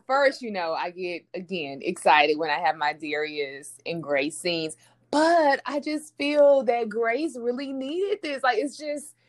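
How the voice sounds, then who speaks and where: Expressive woman with a lively, swinging pitch. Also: slow. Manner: expressive, emphatic, laughs often. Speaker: podcast co-host. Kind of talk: casual recap chat.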